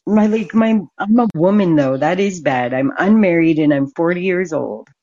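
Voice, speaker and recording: A forty-year-old Canadian woman hosts a stream and chats candidly with a caller, laughing often. Her fairly low voice is animated and darkish in tone at a moderate pace, and the sound is lo-fi.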